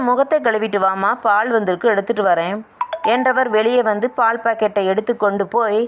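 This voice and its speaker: A woman reading a family novel aloud as an audiobook narrator, voicing the dialogue in her own voice. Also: medium pitch.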